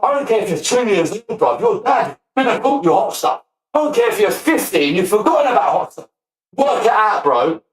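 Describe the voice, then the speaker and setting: A forty-something man, high-pitched for a man, ranting on a livestream. He swears freely and breaks into laughter as he talks. The sound bounces around an echoey room. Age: 40s. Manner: profane, ranting, quick to laugh. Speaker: streamer. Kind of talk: livestream rant.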